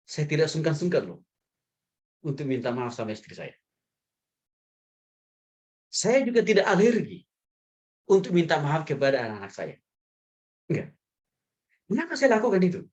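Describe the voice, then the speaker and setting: A male pastor giving a sermon in a lively, humorous way, chuckling often and addressing the men in the congregation directly. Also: medium pitch.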